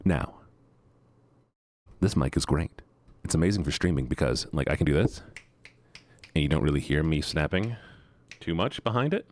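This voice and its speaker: A deep-voiced male streamer chats casually on a live stream from a studio microphone at his desk, playful and goofy, repeating words and letting out sudden high-pitched yelps and barks. When thanking viewers he turns gushing and sincere. His darkish voice is animated, at normal speed with long pauses.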